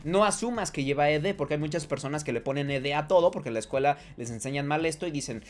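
A man's voice: on the high side, quick pace. A man giving a casual online English lesson, talking straight to the viewer, often checking "¿ok?" and correcting himself as he goes. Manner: thinks aloud with fillers and self-corrections. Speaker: English teacher.

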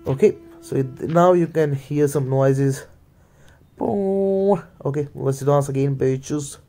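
Over soft background music, a man with a mellow, medium-pitched voice speaks unhurriedly, his pitch barely moving. An Indian-accented gaming creator whose native languages are Hindi and Punjabi, he mumbles relaxed play-by-play and sometimes switches to Hindi.

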